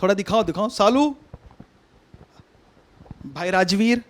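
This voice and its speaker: Brief: male preacher, very high voice, chatty and coaxing, repeats himself, sermon over a video call. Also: animated, slow pace. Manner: conversational, coaxing, repeats instructions. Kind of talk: online sermon with a hands-on demonstration.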